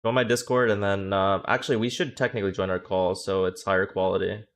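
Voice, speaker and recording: Sitting low and level in tone, this young man's voice carries a casual livestream. The streamer and coach cracks jokes with viewers, swears, and reacts in a flash.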